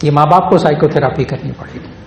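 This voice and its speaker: A man preaching a sermon in a somewhat high voice. He repeats key phrases for emphasis and chants scripture melodically. The sound is echoey, with a faint hum of ambience behind him. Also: darkish tone. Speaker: Islamic scholar and preacher. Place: Lahore.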